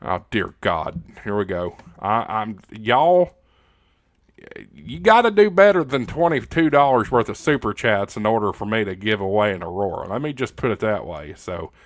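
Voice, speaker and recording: An American livestream host with a lowish, sing-song voice chats at a moderate pace in a dry recording. Reading comments from viewers, he keeps things casual, folksy and full of jokes.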